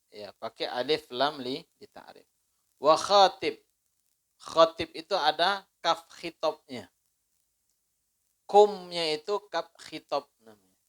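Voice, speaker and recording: A man with an Indonesian accent teaching an Islamic study circle lesson, slowly drawing out recited phrases and putting questions to his listeners. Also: a little high, fairly bright tone. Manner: slow, drawn-out demonstrations of recited phrases; conversational, asks listeners questions. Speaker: religious teacher.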